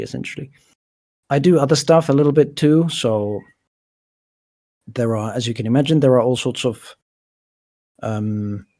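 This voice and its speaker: Recorded with clean studio sound and no echo, this middle-aged man speaks in a darkish, mid-range voice made nasal by a cold. As a crypto organization's lawyer, he talks through his legal work on a community call, thoughtfully and hesitantly, often using fillers and starting over.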